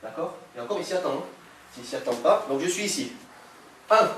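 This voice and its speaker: A man's voice: fairly high pitch, lively intonation, fairly quick, fairly bright tone. A man teaching self-defense in a live class, giving directions and checking in with frequent "okay?"; recorded in an echoey hall from a distant camera mic with noise behind.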